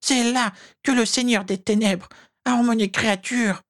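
A man voicing a small, frail, servile male house-elf who whimpers and pleads in a squeaky voice. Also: fairly even intonation, normal speed, a bit bright. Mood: pleading. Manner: squeaky, whimpering, speaks of himself in third person.

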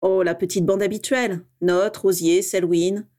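A woman's voice: mid-range voice, fairly even intonation, normal speed, warm tone, close to an everyday voice. A woman voicing a bitter middle-aged male politician in a read-aloud story. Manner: bitter, rattled.

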